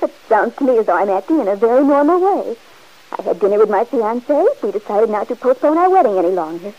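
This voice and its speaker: With a quick pace and big pitch swings, a young actress on the high side plays an insistent, defensive young woman about to wed. The 1940s radio drama survives as a dull old radio recording.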